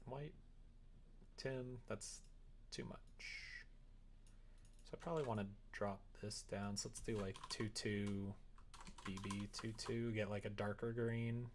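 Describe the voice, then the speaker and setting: A man with a lowish voice talks in a steady tone, slowly and with long pauses. As a streamer, he chats casually and thinks aloud during a tutorial he's working through. You can hear keyboard typing and background noise, but the recording is clear.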